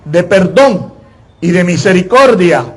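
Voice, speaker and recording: A man preaching a sermon in an emphatic style, repeating his phrases and often pausing on filler words. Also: high voice, lively intonation, breathy edge.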